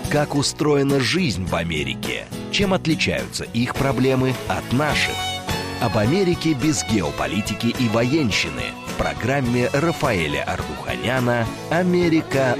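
A man announcing a scripted radio promo in a smooth, upbeat way. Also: medium pitch, sing-song, a little slow. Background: loud music.

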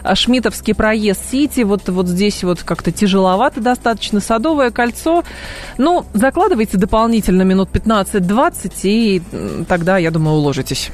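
A woman hosting live radio news talk in a studio, speaking briskly with frequent filler sounds between points. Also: mid-range voice, animated. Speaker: radio host. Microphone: studio microphone.

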